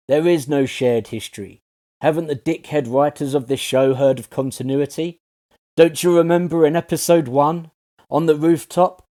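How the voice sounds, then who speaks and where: A man's voice: medium pitch, warm tone. Sarcastic man ranting in a review. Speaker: TV series reviewer. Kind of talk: scripted review voice-over.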